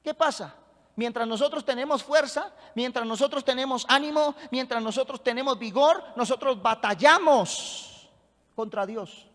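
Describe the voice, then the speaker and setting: A man's voice: extremely high pitch, normal speed, fairly bright tone, in a large hall. A man preaching a sermon as pastor, emphatic and rousing, calling on the congregation to answer back.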